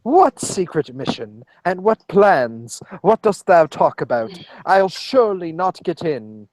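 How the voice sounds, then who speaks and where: C-3PO, read by a man, fussy and high. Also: big pitch swings, slow, no echo, heavily acted, rough recording. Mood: fussy indignant. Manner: fussy, scolding verse delivery. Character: fussy pompous golden male droid. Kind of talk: live Shakespearean verse reading.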